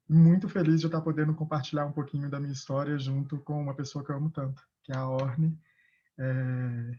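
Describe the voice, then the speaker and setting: A man with a slightly high voice speaks gently and gratefully on a video call. The sound is dull and muffled. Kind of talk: casual chat on a video call.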